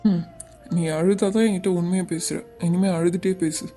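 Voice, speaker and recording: A woman voicing a gentle young man in love, soft and coaxing, in an animated web series. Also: fairly low pitch, moderate pace, soft background music, natural voice. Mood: tender.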